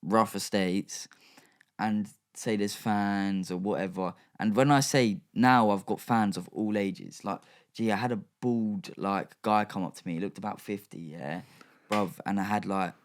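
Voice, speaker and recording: A man's voice: fairly low pitch, fairly even intonation, measured pace. A young man, chatting casually as a podcast guest, slangy and rambling with lots of fillers. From England. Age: young adult. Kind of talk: casual chat.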